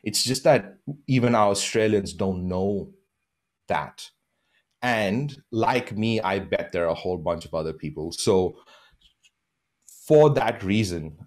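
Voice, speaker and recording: Talking from his home over a video call, a podcast guest from Bahrain in his thirties speaks earnestly and slowly in a voice that sits low. The reflective interview is dotted with his laughter and restarted sentences.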